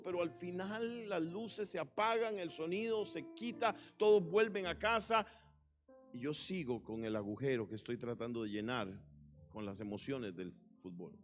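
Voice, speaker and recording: A male pastor preaching a sermon with passion, swinging into sudden loud emphatic bursts. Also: sits high. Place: church.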